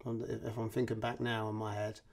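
Gravelly guy thinking out loud in an interview, pretty flat tone. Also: on the low side, a little fast. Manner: reflective, thinking aloud. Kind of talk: casual interview chat.

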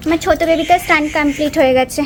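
A woman's voice: high-pitched, fairly even intonation, racing, a little hiss or hum. A woman from West Bengal vlogging about her toddler in a home courtyard, chatting fondly and slipping into baby talk, on a lapel mic. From West Bengal, India. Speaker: vlogger, mother. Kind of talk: casual vlog narration. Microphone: wireless lapel mic.

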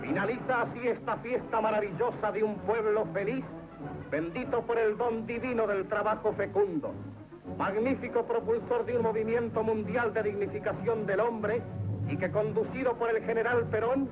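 Old 40s newsreel guy, high voice, solemn and grandiose, music playing, thin crackly sound. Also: fairly even intonation, normal speed. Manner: declamatory, solemn, florid. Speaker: newsreel narrator. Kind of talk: 1940s newsreel narration, scripted. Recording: tinny band-limited 1940s newsreel soundtrack. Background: orchestral music.

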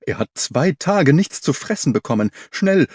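Old shaky guy yelling in a panic, high and loud, as a male reader puts him on. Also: very animated, normal speed, husky, no echo, clean studio sound. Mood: panicked. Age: older. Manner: frantic, crying out. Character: older red-faced man, trembling, panicked.

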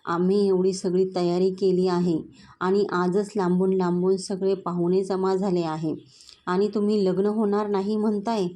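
A woman reading a storybook voice for an angry, demanding middle-aged father of the groom who shouts his threats. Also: medium pitch, level tone, normal speed, close to an everyday voice.

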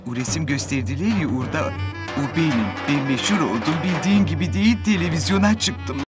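An actress playing a brash, vain middle-aged woman in a comic TV series, talking in rough slang that jumps between loud bursts and low muttering. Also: lively intonation, brisk. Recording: TV series audio with loud music.

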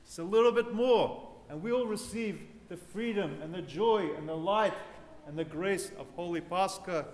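Man, 30s, priest, earnest sermon, fairly high voice, reverberant church hall. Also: a little mellow. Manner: earnest, unhurried preaching with rising joyful emphasis. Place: large ornate church with congregation. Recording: echoey church hall, reverb, faint ambience.

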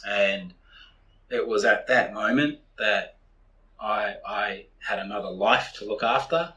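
Forties New Zealand man, lowish bright voice, blunt and sweary podcast guest telling it straight. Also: takes it slowly, rough recording. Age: 40s. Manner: blunt, heavy swearing, candid storytelling. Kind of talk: casual podcast interview.

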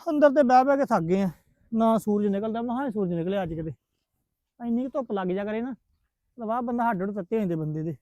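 A man's voice: high-pitched, lively intonation, quick pace, mellow, no room sound. A man chatting in an easygoing, plain-spoken way in a family vlog drama. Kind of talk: casual Punjabi family vlog acting. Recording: slightly dull, lo-fi sound.

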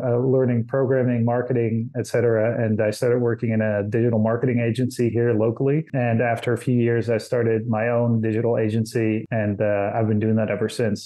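A man from the Netherlands talks as a podcast guest, his voice warm and mellow. He fills pauses with "uh" while explaining things in a relaxed, casual way. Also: mid-range voice. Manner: hesitant, many "uh" fillers. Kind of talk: casual interview.

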